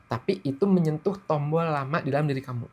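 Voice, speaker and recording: Calm guy explaining stuff on a podcast, bit husky, uses everyday analogies. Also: a little high, quick pace. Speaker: guest expert.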